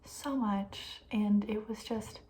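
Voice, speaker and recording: An ASMR video host talks softly and breathily at medium pitch, taking her time in a casual, rambling chat. She's chatty, informal and opinionated, often trailing off or slipping toward a whisper.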